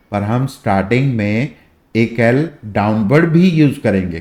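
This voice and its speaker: Slow man teaching shorthand, asks n answers his own questions, mixes in english, roomy echo. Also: mid-range voice, a little mellow. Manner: mixes Hindi with English words. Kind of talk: classroom lesson.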